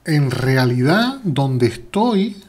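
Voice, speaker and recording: His mid-range voice is sing-song and a little mellow, drawing out words, as this chess streamer with a Spain Spanish accent plays live and playfully chats with viewers, reading their messages aloud.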